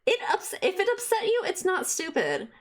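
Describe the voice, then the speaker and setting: A woman's voice: very high voice, huge pitch swings, moderate pace. A young adult woman streaming a game, chatting expressively and swearing freely. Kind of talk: game commentary.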